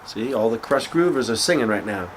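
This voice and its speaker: Over a noisy background, a congested man with a mid-range, slightly nasal voice chats briskly about records he's showing from his collection. His manner is easygoing and full of fillers, and he sniffles now and then.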